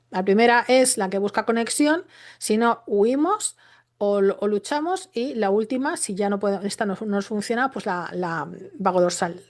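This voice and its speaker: A woman with a Spain Spanish accent gives an unscripted explanatory talk. She keeps asking rhetorical questions and checks in with tag questions. She often breaks off and restarts her phrases mid-thought. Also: medium pitch. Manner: restarts and self-corrections mid-sentence. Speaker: educator.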